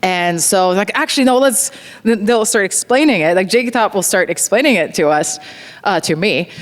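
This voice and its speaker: A woman's voice: medium pitch, lively intonation, normal speed. A woman from Slovenia, a voice actor chatting animatedly on a convention panel and laughing often. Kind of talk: casual panel Q&A. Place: large convention hall. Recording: long hall reverb from a panel PA.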